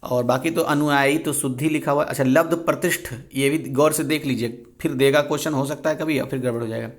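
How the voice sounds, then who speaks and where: A man tutoring for an exam, explaining spelling and grammar answers patiently and slowly repeating the key words. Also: medium pitch, fairly even intonation. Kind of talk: exam revision lesson.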